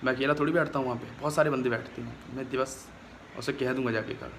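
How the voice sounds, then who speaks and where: A man's voice: mid-range voice, fairly even intonation, quick pace, background noise. A young man talking straight to his phone camera in a casual vlog, aggrieved and complaining as he retells a quarrel. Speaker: vlogger.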